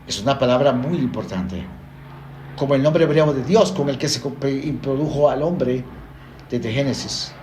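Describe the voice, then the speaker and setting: A man teaching the Bible slowly and deliberately, explaining word by word. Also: mid-range voice, a little mellow, reverberant, a little hiss or hum.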